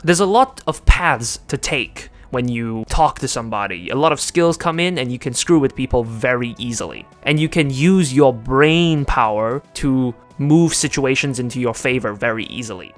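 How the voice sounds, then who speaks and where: A man's voice: medium pitch, animated, normal speed, hardly any pauses, soft background music. Sarcastic man narrating a video essay. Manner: sarcastic, joking. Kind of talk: scripted commentary.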